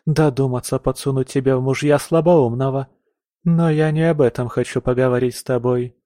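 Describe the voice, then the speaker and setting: A man's voice: medium pitch, fairly even intonation, moderate pace, dark tone, no echo, close to an everyday voice. A strict countess lectures her daughter in a raised, stern audiobook voice, as a male narrator puts her on. She sounds complaining and commanding. The recording is dry and close. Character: strict aristocratic countess mother, middle-aged woman. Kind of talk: audiobook character voice.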